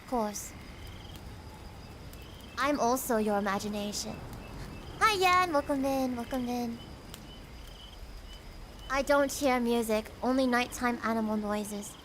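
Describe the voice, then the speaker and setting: Bubbly high-voiced woman streamer. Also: slow pace, pauses often, slight background noise. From United States. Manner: bubbly, giggly, reads and greets chat. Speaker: VTuber streamer and singer. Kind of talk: casual livestream chat.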